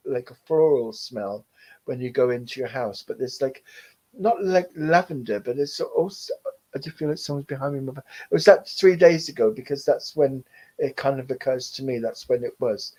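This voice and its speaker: A man working as a medium gives a live online reading, rambling gently and reassuringly with frequent fillers and soft laughs. His voice is medium-pitched, and the recording quality is low.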